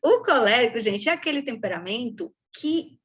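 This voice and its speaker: A woman's voice: a little high, animated, normal speed, slightly rough. A woman coach giving a casual, joking lecture, often checking in with her audience. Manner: joking, chatty, frequent "né, gente". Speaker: temperament coach.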